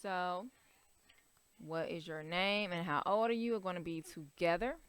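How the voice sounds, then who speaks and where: A young female teacher walks small children through a writing worksheet step by step, patient and careful. Her voice is fairly low, clear and resonant, at a measured pace. It's a recorded writing lesson.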